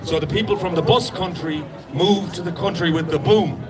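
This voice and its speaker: This protest speaker from Galway, Ireland, has a west of Ireland accent and a high-sitting voice, speaking at a moderate pace. He makes an insistent, off-the-cuff case to the crowd out on a city street, where the very loud crowd leaves the recording noisy.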